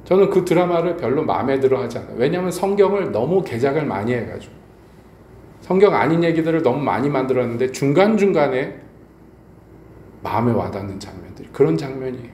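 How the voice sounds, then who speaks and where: A man's voice: medium pitch, very animated, brisk, darkish tone. A middle-aged male pastor preaching an evening sermon, telling stories and pressing the congregation with rhetorical questions. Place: church sanctuary. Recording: echoey church hall, faint background noise.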